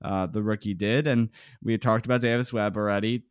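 A man's voice: lowish voice, steady tone, a little fast, smooth, no room sound. Chatty male podcast host, dry sound. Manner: chatty, laughs often, reads player lists. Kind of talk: casual sports podcast recap.

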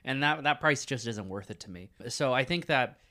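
A man in his twenties with a mid-range voice co-hosts a casual podcast. He sounds friendly and chatty and is quick to agree. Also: mid-range voice, lively intonation, bright, forceful tone. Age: 20s. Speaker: podcast co-host. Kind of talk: casual chat. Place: room in a house.

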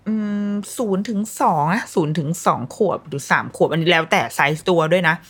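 A woman's voice: lowish voice, a little fast, slightly rough. A woman, a mother telling parenting stories in a blunt, casual, colloquial way. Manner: blunt, colloquial, acts out quoted voices. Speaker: mother sharing parenting advice. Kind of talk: casual storytelling chat.

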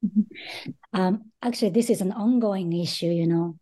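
Soft-spoken woman author. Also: mid-range voice, normal speed. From Japan. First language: Japanese. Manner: thoughtful, hesitant with frequent ums. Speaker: guest author. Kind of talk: interview conversation.

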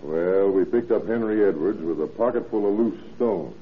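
A man playing a calm, wily police inspector in an old radio drama, with the folksy, streetwise patter of a 1930s beat cop. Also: lowish voice, normal speed, close to an everyday voice. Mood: probing. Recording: muffled, noisy old radio recording.

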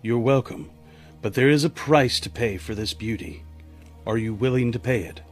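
A man voicing a tempting male demon in a mirror, with a low, raspy, hushed voice. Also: moderate pace, soft background music, lightly acted.

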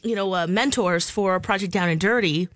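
A woman chatting casually as a co-host, with an animated, giggly manner. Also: medium pitch, moderate pace, dry recording. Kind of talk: casual chat.

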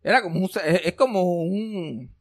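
High-voiced sarcastic man. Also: normal speed, no echo, studio quality. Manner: sarcastic, animated storytelling with English words mixed in. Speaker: podcast co-host. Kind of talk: casual chat.

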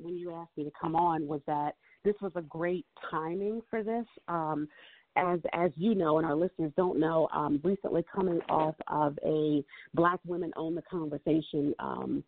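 Gravelly woman co-hosting on a phone line. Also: deep voice, dry recording. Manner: thoughtful, filler-heavy. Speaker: guest co-host. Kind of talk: call-in talk show discussion. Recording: dry tinny phone line.

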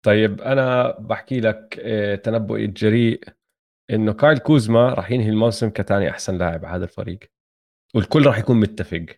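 Quick Palestinian-Jordanian man talking sports. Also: fairly low pitch, a little mellow. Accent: Palestinian-Jordanian Levantine Arabic. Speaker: sports podcast co-host. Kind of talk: casual sports chat.

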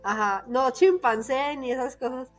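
A woman's voice: high voice, unhurried, music in the background. Chatty Colombian paisa woman. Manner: chatty, laughing, animated storytelling. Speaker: guest. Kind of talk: casual conversation.

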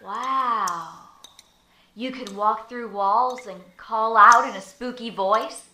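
A woman voicing a mistreated orphan boy who talks in a whiny, excitable way. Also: on the high side, takes it slowly, a little hiss or hum, full character voice. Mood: exasperated. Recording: echoey room.

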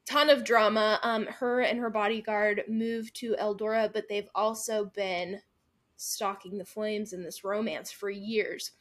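This young Midwestern woman co-hosts a book podcast, recapping and reviewing in a casual, chatty way. Her medium-pitched voice stays steady and unhurried, with lots of fillers and frequent laughs.

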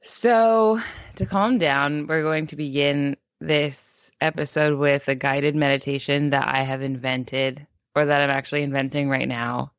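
A woman's voice: low-pitched, fairly even intonation, measured pace, hardly any pauses, no room sound, lo-fi sound. A woman co-hosting a podcast in casual chat, playful and giggly, improvising a mock guided meditation. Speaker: podcast co-host.

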